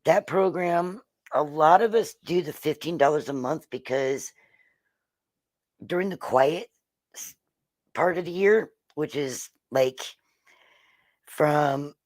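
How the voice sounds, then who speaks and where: Slow, slightly hoarse weather host. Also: mid-range voice, a little mellow, no room sound. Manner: slow, halting, frequent ums and throat clearing. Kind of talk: casual livestream explainer.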